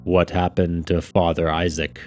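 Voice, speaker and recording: A man voicing a guarded, grim young man who speaks quietly and flatly. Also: deep voice, a little slow, faint music behind.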